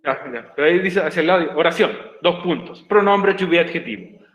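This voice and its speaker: A man's voice: on the high side, animated, a little fast, fairly bright tone, highs cut off. A male teacher explaining grammar patiently in an online class, repeating each step. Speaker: English teacher. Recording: echoey room.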